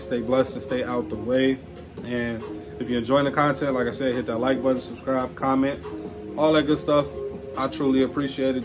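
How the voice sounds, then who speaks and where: Man, casual toy unboxing vlog, laid-back slangy talk, flat even delivery, music playing underneath. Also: medium pitch. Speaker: toy review vlogger.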